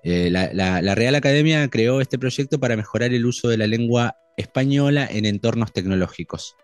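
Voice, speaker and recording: Guy on a tech podcast, stops and restarts a lot, mid pitch, dry sound, a bit of music behind. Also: no room sound. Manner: hesitant, many restarts and fillers, reads news quotes quickly. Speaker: podcast co-host. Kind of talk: casual tech chat.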